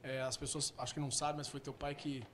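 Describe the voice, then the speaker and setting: A man's voice: medium pitch, level tone, quick pace, a crowd in the background. A man with a Brazilian Portuguese accent hosting a casual interview and asking short prompting questions. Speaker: talk show host.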